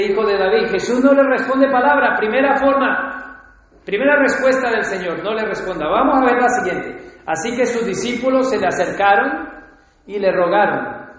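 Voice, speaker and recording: A man's voice: high-pitched, expressive, normal speed, fairly bright tone. A man preaching a sermon, often putting rhetorical questions to his congregation. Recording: echoey hall, dull lo-fi sound.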